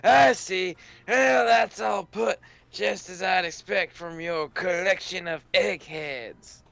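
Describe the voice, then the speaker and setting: A man voicing a plump, smug elderly male detective in a slow, drawn-out old man voice. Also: high voice, vocal fry, a bit bright, highs cut off, exaggerated voice. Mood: reminiscing.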